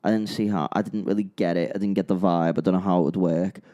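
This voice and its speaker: A man's voice: deep voice, fairly even intonation, quick pace, warm tone. A British man in casual podcast chat as co-host, rambling and repeating "yeah" and "you know".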